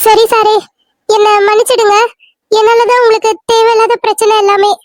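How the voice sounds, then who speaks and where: A man's voice: extremely high pitch, little pitch movement, normal speed, no echo, clean studio sound, voice pushed up. A man doing a meek young college girl. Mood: apologetic. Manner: apologetic, meek. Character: timid young female college student. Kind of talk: cartoon serial voice acting.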